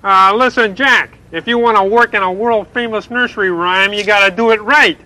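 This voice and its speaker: Kermit the Frog. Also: male voice, sits high, moderate pace, sharp tone, low-quality recording. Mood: exasperated. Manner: patient, explaining, announcer-like. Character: chipper male frog TV reporter, earnest and fussy. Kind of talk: puppet TV sketch.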